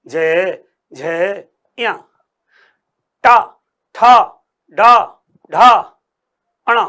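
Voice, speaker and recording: High, bright-voiced male grammar teacher. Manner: repeats phrases and asks the class questions; sounds out letters slowly to demonstrate. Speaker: coaching teacher. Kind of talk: Hindi grammar lecture.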